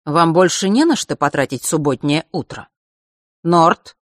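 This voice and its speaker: A narrator voicing a calm, indifferent father who speaks in a level, detached way. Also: medium pitch, a little slow, dry recording, clean studio sound, natural voice. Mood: cool.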